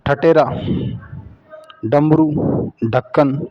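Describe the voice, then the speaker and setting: A man teaching children Hindi vowel signs in a patient way, repeating each word and syllable slowly. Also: fairly high pitch, dull audio. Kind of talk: slow children's Hindi spelling lesson.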